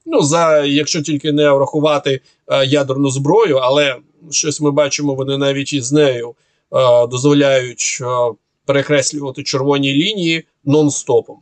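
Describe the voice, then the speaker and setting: A man's voice: mid-range voice, steady tone, normal speed, no echo. A man analysing the war and answering viewers' questions in an unscripted monologue, sarcastic and argumentative, with many hesitations and filler sounds.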